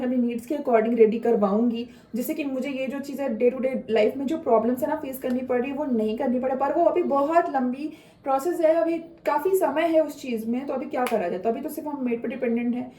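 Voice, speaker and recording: Chatty Indian mom vlogging at home. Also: female voice, high voice, dark tone. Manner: chatty, mixes English words into Hindi, many fillers. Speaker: mother vlogger. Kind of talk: casual home vlog chat. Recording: echoey room, mic somewhat far.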